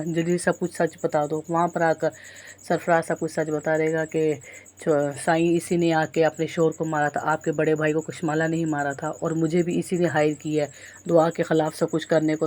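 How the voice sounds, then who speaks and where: A woman's voice: deep voice, darkish tone. A woman casually recapping a TV drama's plot for viewers, talking to them as friends and often correcting herself mid-sentence. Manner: retells plot at length, addresses viewers as friends, frequent self-corrections. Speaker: TV drama reviewer.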